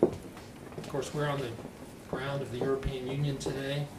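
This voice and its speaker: Male moderator, standard American accent, measured panel introduction, distant echoey recording. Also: medium pitch, level tone. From United States. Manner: slow, clearly enunciated, deliberate delivery. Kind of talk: introducing a public panel discussion. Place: conference panel room, indoors. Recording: echoey, noisy room, distant mic.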